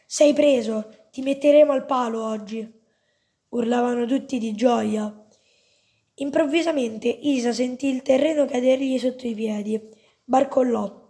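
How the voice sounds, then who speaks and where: A woman reading a story aloud in an even, measured way. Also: a little high. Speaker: reader.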